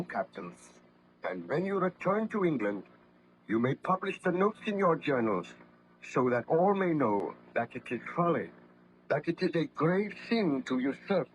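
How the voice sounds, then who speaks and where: Casting: tormented baron-scientist, higher-pitched, solemn and melodramatic, old radio play with noisy sound. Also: male voice, muffled recording. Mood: solemn, resigned. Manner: formal, declamatory, solemn. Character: weak, anguished, guilt-ridden baron-scientist, doomed and melodramatic. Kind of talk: old-time radio drama acting. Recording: noisy vintage radio drama recording.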